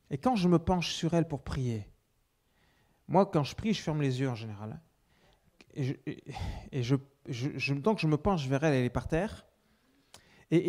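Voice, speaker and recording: Dark-voiced man telling a testimony. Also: fairly high pitch. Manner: storytelling with many restarts, swings between loud and hushed. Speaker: preacher giving a testimony. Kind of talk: personal testimony in a sermon.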